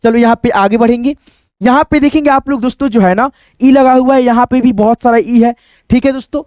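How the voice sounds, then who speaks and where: A man's voice: very high voice, a little fast, darkish tone, clear, resonant tone, dry recording, studio quality. A male teacher giving an online phonics lesson, spelling words letter by letter, asking questions and repeating the answers, often turning to viewers with tag questions. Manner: keeps addressing viewers as friends with tag questions. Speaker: English teacher.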